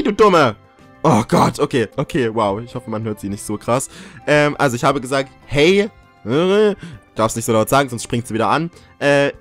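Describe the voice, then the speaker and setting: A young man giving casual, jokey commentary while playing a life-simulation game, yelping and swearing when something startles him. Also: medium pitch. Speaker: gaming YouTuber. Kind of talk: casual let's-play commentary.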